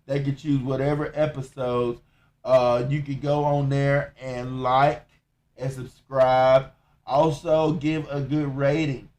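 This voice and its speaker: A man with a Southern accent hosting a solo podcast update, talking in a slow, measured monotone with frequent pauses and fillers. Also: mid-range voice. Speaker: podcast host.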